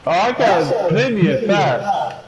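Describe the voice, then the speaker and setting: Young man, high voice, teasing laid-back gaming chat, loud crowd noise behind. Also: big pitch swings, takes it slowly, poor audio. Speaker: co-player.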